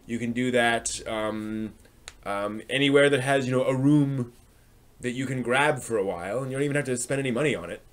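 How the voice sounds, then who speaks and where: Brisk and medium-pitched, this man hosts a live stream and speaks casually to viewers with no script. Much of it is him thinking aloud, hesitant and rambling.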